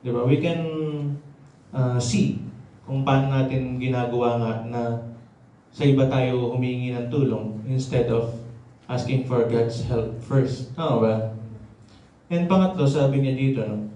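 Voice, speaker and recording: A man's voice: medium pitch, measured pace, pauses often, mellow. A slightly out-of-breath man preaching a conversational sermon, checking in with the congregation often. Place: church hall. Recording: very echoey, from a distance.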